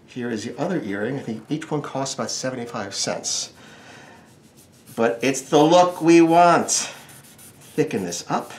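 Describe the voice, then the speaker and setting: An expressive man with a medium-pitched, darkish voice takes his time guiding viewers through a casual drawing tutorial, step by step. Wry asides and jokes come up along the way, and faint background noise can be heard.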